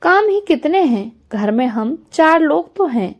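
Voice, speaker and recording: A woman's voice: sits high, sing-song, unhurried, lo-fi sound, full character voice. A woman reading a shy young bride. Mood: eager. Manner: polite, eager to help.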